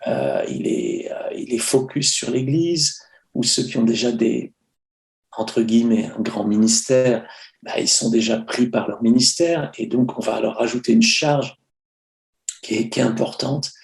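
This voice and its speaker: Gravelly-voiced French man, hesitant. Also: medium pitch, animated, measured pace. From France. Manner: hesitant, many fillers and restarts. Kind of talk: casual conversational sharing. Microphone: video call.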